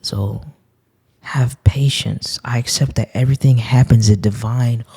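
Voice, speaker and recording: A man with a gravelly, husky voice gives a motivational spiritual talk. He speaks earnestly and reflectively, circling back to the same phrases to drive his point home. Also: mid-range voice, fairly even intonation, measured pace, darkish tone. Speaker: spiritual vlogger reading cards.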